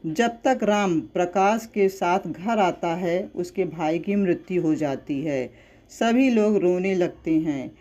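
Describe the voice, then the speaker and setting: A narrator reading a story aloud in a slow, even, unhurried way. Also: mid-range voice.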